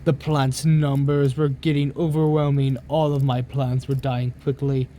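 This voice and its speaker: Guy doing a dramatic creepypasta reading, theatrical, soft mellow tone, bit of background noise. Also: mid-range voice, flat delivery. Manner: theatrical, with drawn-out emphasis. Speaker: narrator reading a creepypasta aloud. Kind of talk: dramatic reading of a horror story.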